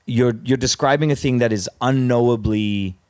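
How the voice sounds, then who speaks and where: A man in a casual conversation, talking in a thoughtful, measured and analytical way. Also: medium pitch, a little mellow, clean tone. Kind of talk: casual conversation about philosophy.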